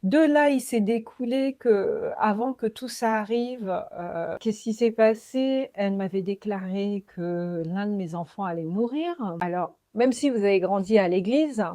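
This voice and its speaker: A woman in her forties from French Guiana, hosting a podcast and sharing a personal faith testimony in a slow, reflective, earnest way. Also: medium pitch, mellow, no echo, studio quality. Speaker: podcast host.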